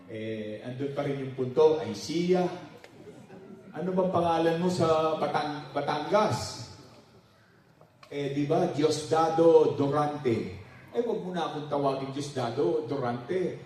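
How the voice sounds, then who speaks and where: A man pastor telling jokes at a church anniversary, laughing often and jumping into high voices for characters. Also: a little slow, darkish tone. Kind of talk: joke-telling during a church anniversary talk. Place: large church hall. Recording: distant mic in a very echoey hall.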